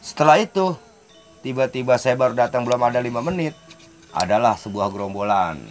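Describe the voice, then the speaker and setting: A man's voice: brisk, faint music behind. A man casually telling of his past, his voice jumping up at the tense parts. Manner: animated, pitch jumps up when telling the fight. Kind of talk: casual storytelling.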